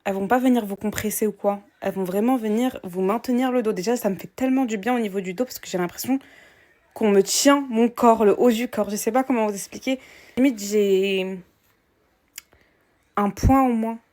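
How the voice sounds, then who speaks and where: A woman's voice: mid-range voice, a little fast, warm tone. A young woman and new mother chatting casually to camera at home, with a slight accent and lots of fillers, calling her viewers girls. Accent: slight foreign accent in French. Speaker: vlogger. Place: at home, indoors. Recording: faint background noise, clicks.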